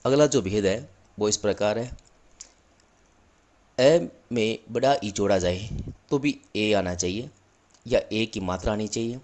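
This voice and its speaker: A male teacher giving a slow, patient classroom grammar lesson, repeating and spelling out each example. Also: on the low side, a little mellow. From India. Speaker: school teacher.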